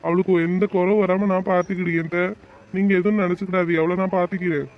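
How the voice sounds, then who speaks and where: A man voicing a dutiful young son-in-law in an animated family drama, reassuring his mother-in-law. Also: sits high, fast. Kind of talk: cartoon voice acting. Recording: dull, lo-fi recording.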